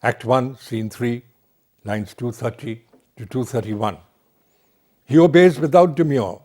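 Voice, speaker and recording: Slow, deliberate lecturer. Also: male voice, mid-range voice, a little mellow. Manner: slow, deliberate, emphatic delivery. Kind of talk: university lecture on literature.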